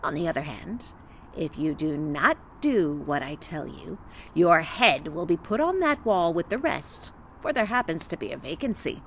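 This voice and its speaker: A fearsome old witch of the forest growls her lines in a low, gruff voice, as a woman reading the story puts her on. She sounds mocking and menacing, with a strange, altered timbre and a lively swing in her pitch. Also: normal speed, slight background noise, heavily acted.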